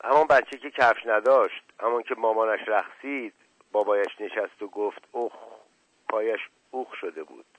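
A man's voice: on the low side, fairly bright tone, pitched above the performer's own voice, low-quality recording. Brief: a man doing a fussy little girl who won't eat, for a radio story reading. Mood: stubborn. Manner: whiny, insistent. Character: fussy little girl refusing her food.

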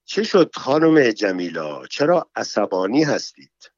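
A man reading the lines of a calm gentleman who speaks gently and placatingly. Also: fairly low pitch, dry recording. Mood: soothing. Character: calm, soothing older male gentleman. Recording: dull, dry, slightly muffled sound.

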